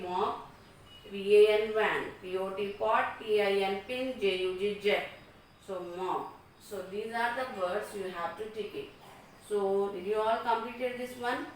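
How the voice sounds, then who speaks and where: A woman teaching a phonics class, spelling words out letter by letter in a classroom. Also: mid-range voice. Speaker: school teacher. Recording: very echoey room, voice from far off, faint background hiss.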